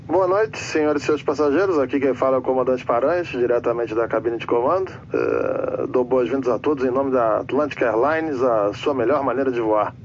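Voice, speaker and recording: A man's voice: medium pitch, moderate pace, lo-fi sound, a little hiss or hum. An actor playing a male airline captain who talks over the cabin intercom in a formal announcer tone, drifting into endless trivia. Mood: formal, rambling. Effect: pilot speaking over the cabin intercom. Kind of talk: comedy sketch.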